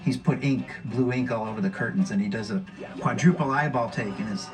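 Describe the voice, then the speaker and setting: A man's voice: medium pitch, brisk. Enthusiastic man explaining animation history. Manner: enthusiastic, detailed. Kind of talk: documentary interview. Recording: distant mic with faint music.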